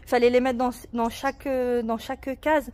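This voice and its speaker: High-voiced, patient, encouraging woman. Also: little pitch movement, a little mellow. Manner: patient and encouraging, spells words slowly letter by letter. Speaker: parent guiding a child's treasure hunt. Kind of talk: casual family video chat. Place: outdoors in a garden.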